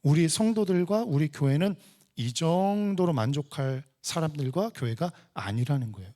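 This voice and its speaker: A man preaching an emphatic sermon, his voice climbing and falling in animated swings. It sits a little high for a man. He drives his points home by repeating phrases and rising toward shouts. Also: normal speed. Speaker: pastor.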